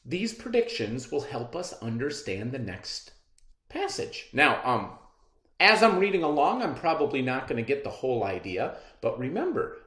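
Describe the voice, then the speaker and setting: In a noticeably echoey classroom, a man leads children through a read-aloud lesson at an unhurried pace. His animated, encouraging teacher talk swings sharply in pitch as he explains and reads.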